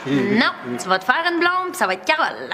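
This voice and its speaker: An actress playing Geneviève, a bossy, scheming friend with a Québécois accent. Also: female voice, on the high side, huge pitch swings, brisk. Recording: noisy background.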